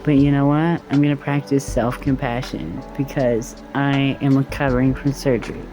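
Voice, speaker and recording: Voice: mid-range voice, steady tone, moderate pace, over music. A vlogger with a sore throat after tonsil surgery, giving casual advice in a loose, rambling valley-girl drawl with plenty of swearing. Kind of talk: casual to-camera advice chat.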